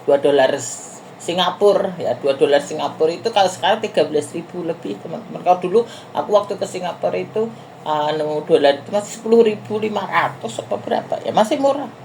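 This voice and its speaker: A woman's voice: on the low side, quick pace, a little mellow, slight background noise. Chatty middle-aged woman telling travel stories. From Indonesia. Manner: chatty, rambling, often addresses viewers as friends. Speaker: vlogger. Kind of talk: casual storytelling to viewers.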